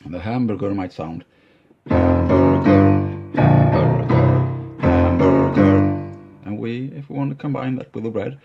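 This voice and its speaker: A middle-aged man teaching piano, explaining calmly with hesitant "uh" pauses and loudly chanting rhythm words as he plays. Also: medium pitch, gravelly. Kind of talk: explanatory music lesson. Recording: dull lo-fi sound with loud piano. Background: piano playing.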